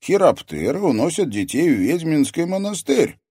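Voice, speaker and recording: A man voicing an eager, tactless teenage boy who keeps pressing with excited questions. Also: on the high side, moderate pace, breathy edge, dry recording, studio quality, voice pushed up, heavily acted.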